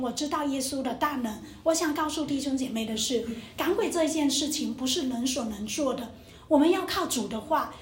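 High-voiced woman preaching in an echoey room. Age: young adult. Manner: emotional storytelling, acting out quotes. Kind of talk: testimony sermon.

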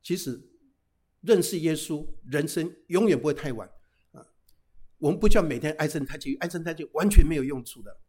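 A middle-aged man, a pastor, giving a humorous sermon, telling lively anecdotes peppered with casual tag particles and English phrases. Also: fairly high pitch, brisk, slightly rough. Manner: lively storytelling with frequent "哈" tags and English phrases.

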